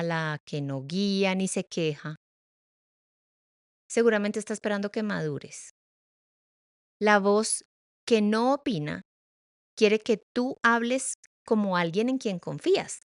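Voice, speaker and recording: A middle-aged woman hosting a reflective podcast monologue, expressive and playful, shifting pace and loudness and laughing at her own stumbles. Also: mid-range voice, measured pace, smooth, dry recording, clean studio sound. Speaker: podcast host.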